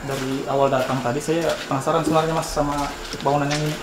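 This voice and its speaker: A man's voice: fairly high pitch, level tone, fast, low-quality recording. A man hosting a casual night exploration vlog, speaking hesitantly as he searches for words. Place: school building at night. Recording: clear night insect noise behind.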